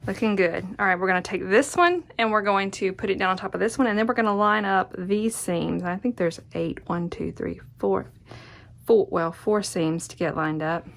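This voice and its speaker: A woman's voice: medium pitch, normal speed, gravelly. A woman giving a casual hands-on craft tutorial, chatty and murmuring encouragement to herself as she works. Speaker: quilting tutorial host. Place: indoors at a craft worktable.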